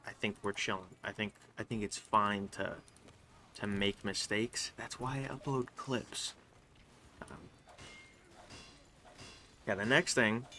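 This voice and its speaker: Young male gaming host, low-ish but bright, forceful voice, halting stream-of-consciousness talk with a faint hiss behind it. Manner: rambling, halting, with frequent restarts and fillers. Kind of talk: casual live gameplay commentary. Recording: faint background noise.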